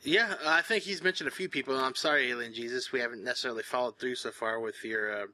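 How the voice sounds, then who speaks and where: A man's voice: mid-range voice, fast talker, bright, forceful tone. A man co-hosting a casual podcast, rambling in long sentences with many fillers and self-corrections. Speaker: podcast co-host. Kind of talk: casual chat.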